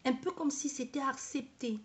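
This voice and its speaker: A woman speaking to camera in a personal, halting way, often repeating herself and searching for words. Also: sits high. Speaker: vlogger.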